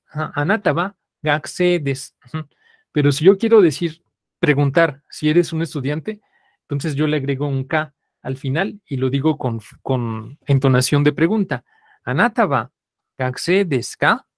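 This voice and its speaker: A man's voice: fairly high pitch, no room sound, clean studio sound. Man teaching, says "ajá" a lot. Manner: repeats answers with frequent "ajá". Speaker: language teacher. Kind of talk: live class teaching.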